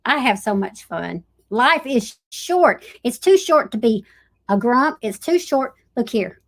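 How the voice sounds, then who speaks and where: Southern lady, middle-aged, fairly high voice, tells funny prank stories and does everyone's lines. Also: slow pace. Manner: lively prankster storyteller who acts out other people's lines. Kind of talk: casual chat on a live stream.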